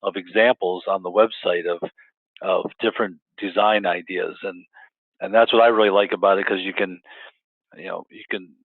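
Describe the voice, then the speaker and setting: Heard on a dry, tinny phone-style line with no echo, a low-voiced man questions a guest at normal speed and with fairly even intonation. He trips over his words often, restarting and repeating himself.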